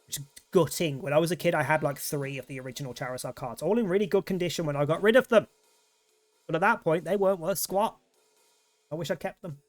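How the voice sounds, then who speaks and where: A man's voice: on the high side, quick pace, faint music behind. A man streaming a game, rambling casually and swearing freely as he chats. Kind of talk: casual gameplay commentary.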